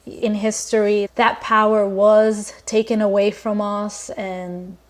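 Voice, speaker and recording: A Lebanese woman speaks as a podcast guest in a mid-range voice with a level tone and slow pace. Her casual conversation is earnest and reflective, full of fillers and restarts.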